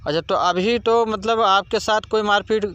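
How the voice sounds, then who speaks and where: A man's voice: sits high, fairly even intonation, moderate pace, fairly bright tone, dull audio. A man working as a news reporter, questioning someone and insistently repeating answers back. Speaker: local TV news reporter interviewing. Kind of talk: field interview questioning.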